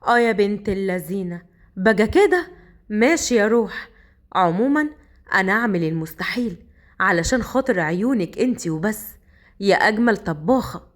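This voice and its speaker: Woman storyteller lowering her voice for a gruff young Egyptian man: commanding, quick to anger, storybook drama. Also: expressive, lightly acted. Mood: teasing. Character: tough young Upper Egyptian man, hot-tempered.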